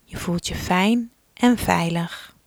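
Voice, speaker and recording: A woman talks through a relaxation exercise at a very unhurried pace, calm and gentle. She often sinks into a soft whisper. The sound is close and dry, with no room around it. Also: on the low side, vocal fry, no echo. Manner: slow, soothing instructions, often dropping to a soft whisper. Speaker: relaxation guide for children.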